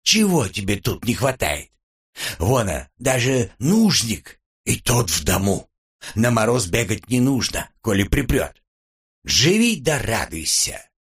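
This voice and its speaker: A man's voice: fairly low pitch, very animated, takes it slowly, breathy edge, exaggerated voice. A man voicing a fussy, folksy old male house spirit in an audiobook, grumbling and chatty. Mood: coaxing. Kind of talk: audiobook character reading.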